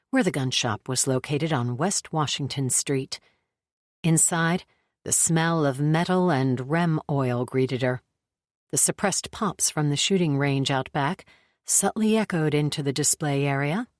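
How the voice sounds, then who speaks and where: A woman narrating a thriller audiobook in a measured, even way. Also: low-pitched, no echo, clean studio sound. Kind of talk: scripted narration.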